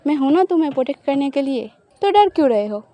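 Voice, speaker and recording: A woman's voice: high-pitched, expressive, quick pace, dark tone. A woman voicing a teasing, possessive young woman lover in an audio love story.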